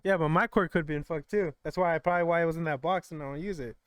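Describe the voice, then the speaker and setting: A man's voice: fairly high pitch, rapid-fire, no room sound. A young man co-hosting a podcast, chatting casually and teasing his co-host with short replies. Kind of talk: casual chat.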